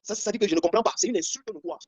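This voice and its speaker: A man's voice: high voice, rapid-fire, husky, dry recording. A man from Cameroon hosting an online discussion, commenting on photos and repeating himself in indignation.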